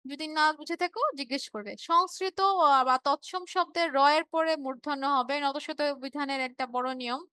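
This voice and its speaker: A woman's voice: sits high, normal speed, pushed and bright, dry recording. A woman teacher from Bangladesh giving an online revision class, explaining patiently, repeating key words and checking in with her students.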